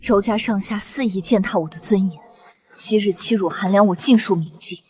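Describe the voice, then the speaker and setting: An actress playing a reborn young noble daughter, calm, cold and resolute. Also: female voice, mid-range voice, moderate pace, lightly acted. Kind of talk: short period drama acting.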